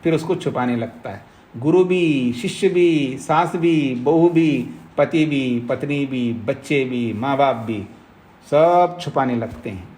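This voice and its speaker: A middle-aged man, a swami, teaching a scriptural lecture to students, explaining slowly with repetition, quizzing the class, and acting out both sides of a debate. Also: mid-range voice, a little mellow. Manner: acts out both sides of a debate in raised tones. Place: ashram classroom.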